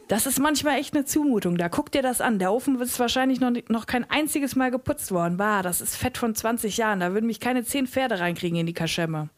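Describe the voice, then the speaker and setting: A woman's voice: a little high, expressive, a little fast, few pauses, voice pushed up, lightly acted. A woman reading aloud voices a brash, lazy woman who grumbles bluntly at the TV. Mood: grumbling.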